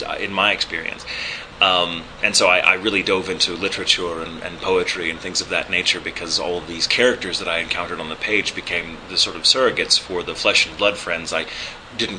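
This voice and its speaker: This low, pushed, bright voice belongs to a Texan voice actor and ADR director sharing reflective stories in an interview, captured on poor audio with a little hiss or hum. He speaks in a neutral American accent touched by a slight proper British lilt, articulate and measured but with many "uh" fillers and small restarts.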